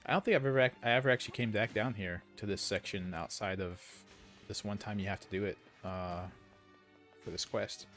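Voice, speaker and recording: A man's voice: on the low side, steady tone, brisk, a bit bright, faint music behind. A man streaming a video game, giving casual commentary with rambling, opinionated asides. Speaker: gaming streamer.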